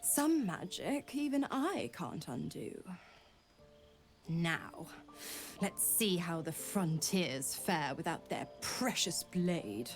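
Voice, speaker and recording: A scheming female devil from a video game. She drawls in a purring, mocking voice, stretching her words slowly. Her pitch rises and falls widely. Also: big pitch swings, soft background music, exaggerated voice.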